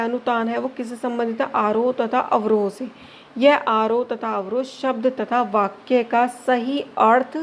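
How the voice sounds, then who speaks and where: A woman's voice: a little high, highs cut off. A woman teacher giving an exam-prep grammar lesson, asking questions and answering them herself, checking in with short confirming tags and mixing English words into her explanations.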